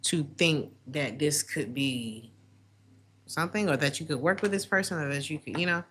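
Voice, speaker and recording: A woman with a raspy smoker's voice, chatting casually and playfully as she gives a live tarot reading. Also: deep voice, moderate pace, a bit bright, a little hiss or hum. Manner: playful, breaks into song lyrics and acted asides. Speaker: tarot reader hosting a livestream.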